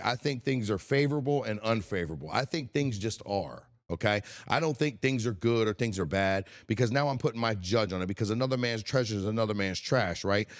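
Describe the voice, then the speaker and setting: Impassioned man in his forties. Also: fairly low pitch. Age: 40s. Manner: impassioned, blunt, swears, repeats words while thinking. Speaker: podcast host. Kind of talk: solo motivational talk.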